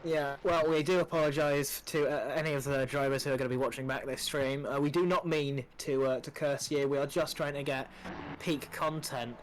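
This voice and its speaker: A man's voice: mid-range voice, steady tone, normal speed, a little hiss or hum, poor audio. A man commentating a live sim racing stream, chatty and promotional with many fillers. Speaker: race commentator.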